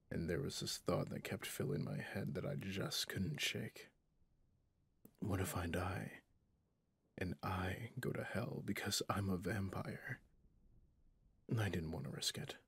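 In an ASMR roleplay, a man plays a stern, guilt-ridden vampire hunter centuries old, speaking solemnly and haltingly in a low, husky, breathy half-whisper. The heavily acted performance sounds haunted and regretful, with no echo.

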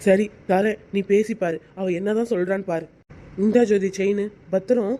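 A woman's voice: medium pitch, steady tone, normal speed, dark tone, close to an everyday voice. A woman voicing a meek young man. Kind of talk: cartoon voice acting.

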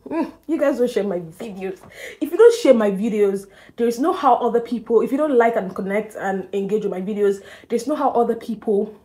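A woman's voice: a little high, a little mellow. Chatty young woman, a bit breathless. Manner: chatty, laughs often, emphatic. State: slightly out of breath; nervous. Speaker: vlogger. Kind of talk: casual talk to camera.

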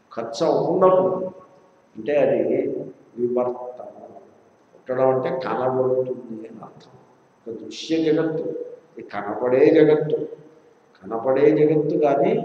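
Male spiritual teacher, slightly high, mellow tone; distant, hall reverb, muffled old recording. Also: slight background noise. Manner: explains by asking and answering his own questions; chants verses slowly. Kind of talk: scripture discourse. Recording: distant, echoey hall, dull lo-fi.

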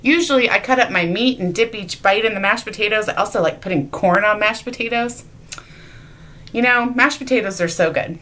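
A children's sermon leader speaks a little fast in a medium-pitched, slightly bright voice. Standing in the church sanctuary, she delivers a playful object lesson, teasing the kids and quizzing them with questions.

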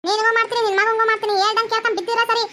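A fierce young daughter-in-law in a cartoon, as a woman puts her on hurls insults in a North Karnataka Kannada accent. The voice is piercingly high and bright, and it races at top speed. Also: flat delivery, slight background noise. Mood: defiant. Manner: defiant, insulting, rapid. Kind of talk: cartoon voice acting.

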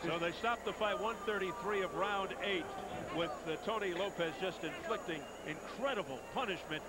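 A high-voiced man gives live boxing commentary in short, dramatic phrases. He is on an old television broadcast, with heavy arena noise all around the voice. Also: normal speed. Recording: noisy old TV sports broadcast. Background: loud arena ambience.

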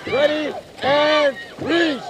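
A coxswain shouting short, clipped commands and counting strokes from a rowing boat during a race. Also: high-pitched, fairly even intonation, very slow. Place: outdoors on the water in a rowing boat. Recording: noisy outdoor race recording with crowd. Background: crowd and loud outdoor noise.

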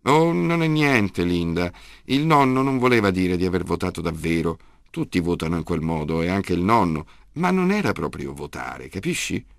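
A man's voice: low voice, very animated, normal speed, gravelly, few pauses, no echo, studio quality, full character voice. A man voicing a fretful adult mother in an audiobook reading, raising his voice for her. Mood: placating. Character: fussy mother, adult woman, anxious to smooth things.

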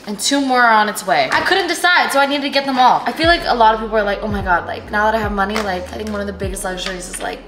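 A nineteen-year-old woman vlogs casually to the camera, candid and slangy with some swearing. Her voice is medium-pitched, and there is background noise.

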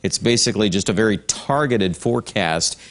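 A male TV meteorologist giving a relaxed, conversational weather forecast. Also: lowish voice, fairly quick. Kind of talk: casual broadcast weather forecast.

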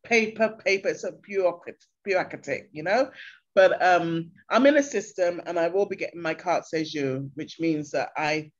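With a fairly low pitch and a moderate pace, an older Englishwoman recounts stories in a casual chat, enthusiastically voicing the locals she describes. She's an interview guest on a video call from a bright room at home, and the sound is dull and lo-fi.

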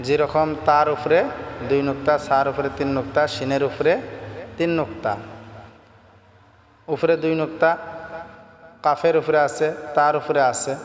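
A man teaching a lesson on reading Arabic letters, speaking patiently and repeating each sound and correction. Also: medium pitch. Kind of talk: slow spoken lesson. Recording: echoey room with long reverb.

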